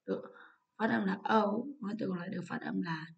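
A woman with a Vietnamese accent teaches English, walking through an exam answer by answer. Her voice sits at a middle pitch with a gravelly edge. She explains patiently and slips English words into her sentences. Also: a little fast, highs cut off. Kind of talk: exam walkthrough lesson.

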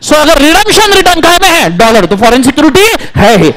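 A man lecturing a classroom on law in energetic Hindi with terms, often calling on students to answer aloud. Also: very high-pitched, fairly quick.

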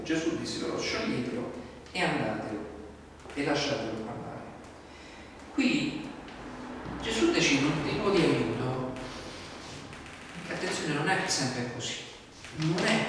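A man preaching a sermon as pastor, conversational and animated, acting out quoted dialogue with asides. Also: a little high, background noise. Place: church sanctuary. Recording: echoey church hall from far off.

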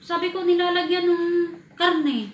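Animated Filipina woman in echoey room. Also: extremely high pitch, unhurried. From Philippines. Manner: animated, laughing while telling a sad story. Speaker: vlogger. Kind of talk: casual storytelling vlog. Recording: echoey room with faint ambient noise.

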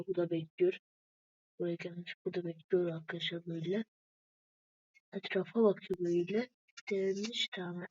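A woman's voice: on the low side, a little mellow, husky, dry recording. A woman giving casual gameplay commentary, chatting to viewers and calling them friends again and again. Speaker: gaming video maker. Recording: dull lo-fi dry recording.

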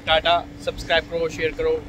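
On a city rooftop, a vlog host in his 20s trades playful banter for a casual comedy video, speaking fairly fast in a slightly high voice with completely flat delivery. Traffic noise fills the outdoor audio, recorded on a phone at arm's length.

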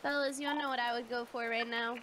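A woman's voice: on the high side, steady tone, fast talker, over a noisy crowd. A woman bantering casually as a player in an online role-play game. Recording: noisy game voice chat.

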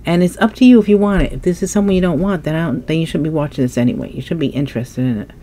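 Speaking very fast in a low, mellow voice, a woman with a blocked nose muses through a casual tarot reading as she flips cards. Only her hands appear at the indoor table, and a slight hiss or hum sits in the audio.

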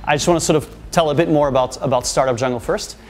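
A man's voice: on the high side, fast, a little mellow, slight background noise. A man introducing a community workshop, speaking loosely with many fillers in a small meeting room. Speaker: meetup organizer and host. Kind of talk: casual event introduction.

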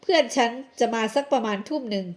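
A woman's voice: on the high side, animated, fast talker, lightly acted. A woman voicing a bossy rich young man in an audio drama, curt and dismissive.

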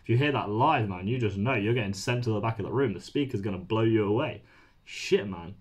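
Low husky-voiced man reacting to metal. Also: brisk. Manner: excitable, swears freely, rambling. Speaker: music reaction channel host. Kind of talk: casual reaction commentary. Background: faint music playing.

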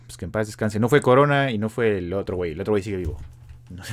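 Mexican male podcast co-host, 30s, low-pitched, easygoing banter. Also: quick pace. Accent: Mexican Spanish. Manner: relaxed, joking, reads listener comments aloud. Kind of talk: casual chat.

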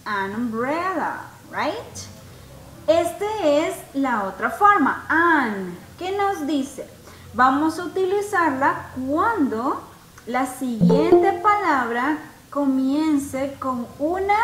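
A woman teaching a grammar lesson, patiently checking that her students follow and slowly repeating words for them to hear. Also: high voice, fairly bright tone, echoey room, a little hiss or hum, rough recording. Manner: patient, checks understanding often. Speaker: English teacher.

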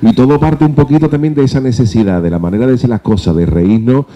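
Thoughtful man, very dark tone. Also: medium pitch, quick pace, highs cut off. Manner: thoughtful, hesitant, repeats words. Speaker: panelist. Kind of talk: reflective panel talk.

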